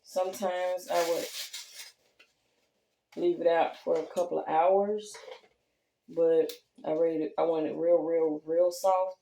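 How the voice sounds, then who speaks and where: A woman's voice: fairly low pitch, fairly even intonation, takes it slowly, gravelly, pauses often, dark tone, roomy sound, slight background noise. A woman, chatting casually as she demonstrates baking in her small home kitchen, rambling with lots of fillers. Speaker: home baker.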